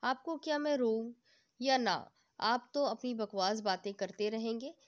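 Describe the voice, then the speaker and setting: A woman's voice: medium pitch, normal speed, natural voice. A woman reading the lines of an affectionate, easily upset young wife. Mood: pouting, emotional. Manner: pouting, emotional.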